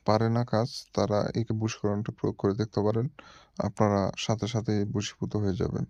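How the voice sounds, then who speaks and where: A man hosting his own channel, calmly explaining step by step, repeating himself and pausing to hesitate. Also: lowish voice, dry recording. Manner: patient, repetitive explaining with frequent hesitations. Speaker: channel host teaching mantras. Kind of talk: instructional monologue. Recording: dull, dry lo-fi recording.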